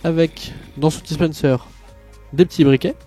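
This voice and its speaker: A man's voice: a little high, fairly even intonation, moderate pace, mellow, faint music behind. A tired man narrating a game tutorial in a casual, rambling way, full of hesitations and asides. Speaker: Minecraft tutorial youtuber.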